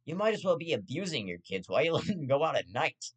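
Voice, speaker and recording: A man's voice: a little high, big pitch swings, fast, slightly rough. A young man hosting his own show, ranting in profane, rambling casual commentary with stammered restarts and half-joking asides.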